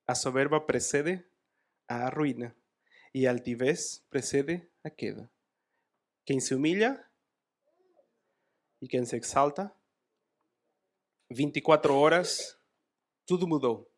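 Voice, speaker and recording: A man preaching a sermon in a church, retelling a Bible story with animated asides. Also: mid-range voice, slow pace, pauses often.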